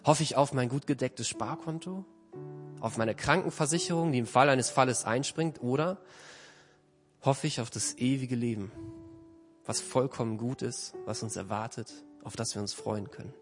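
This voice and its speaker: A man delivers a sermon with earnest, measured phrasing, often letting his sentences sink into a softer close. His voice sits at an ordinary middle pitch. Quiet music plays faintly behind him. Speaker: preacher.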